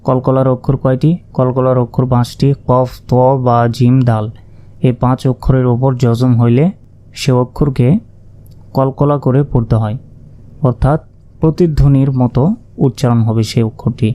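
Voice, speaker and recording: A man teaches Quran recitation, slowly spelling out Arabic letters and vowel marks one by one and sometimes chanting verses with stretched-out sounds. His voice is medium-pitched and warm, with a level tone.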